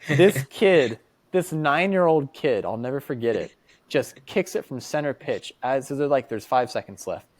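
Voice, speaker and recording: A young American man, a podcast guest, telling casual stories in an animated way, acting out quoted voices between many fillers. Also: mid-range voice, moderate pace, no echo. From United States. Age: young adult. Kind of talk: casual storytelling.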